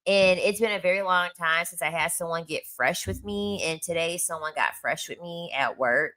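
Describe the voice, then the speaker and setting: A woman's voice: on the low side, normal speed, sharp tone. A woman chatting casually as host, telling stories from her day in a gossipy, laughing way. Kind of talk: casual livestream chat.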